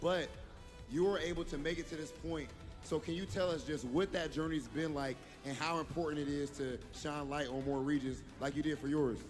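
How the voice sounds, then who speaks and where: Guy interviewing the winner onstage, earnest measured questions, music behind. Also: fairly high pitch, fairly even intonation.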